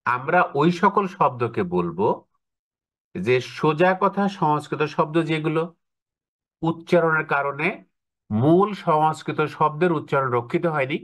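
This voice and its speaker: A man's voice: on the high side, animated, measured pace, a bit bright. A man teaching an online class, often checking with rhetorical questions. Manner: explains with rhetorical questions to students.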